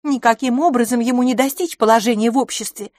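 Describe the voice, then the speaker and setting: A woman reading an audiobook, voicing a glamorous, bubbly young woman in a high, lilting, playful voice. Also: fast, darkish tone, no room sound, clean studio sound, lightly acted. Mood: coquettish.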